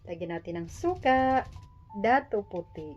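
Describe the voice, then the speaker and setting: A woman's voice: mid-range voice, lively intonation, measured pace, muffled recording, soft background music. A Filipino woman in her forties with missing front teeth chats casually and jokingly to viewers while preparing food, poking fun at herself. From Philippines. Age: 40s. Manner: jokey, self-deprecating. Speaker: vlogger. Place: small private room.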